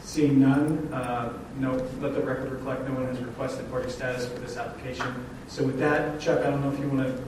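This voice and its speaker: A man chairing a township public hearing, speaking in a halting, procedural way with many fillers. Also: mid-range voice, flat delivery. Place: township meeting room. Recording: echoey room, far mic, noise.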